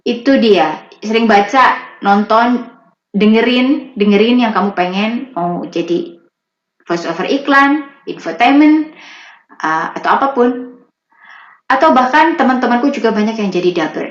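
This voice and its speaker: A woman working as a voice-over artist, chatting casually in an interview and explaining with lively rises in her voice. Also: on the high side, measured pace, long pauses. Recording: roomy, slightly dull recording.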